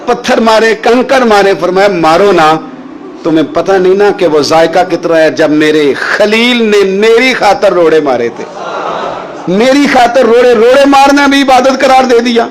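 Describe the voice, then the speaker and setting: A man preaching a sermon, telling a story with passion and chanting verses slowly. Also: high-pitched, slight background noise, rough recording.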